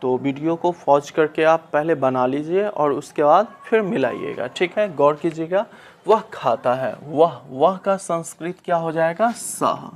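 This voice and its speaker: Male tutor, unhurried and methodical, talks students step by step through translation drills, slightly raised pitch. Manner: slow, patient, asks and answers his own questions. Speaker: Sanskrit teacher. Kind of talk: classroom lesson explaining translation.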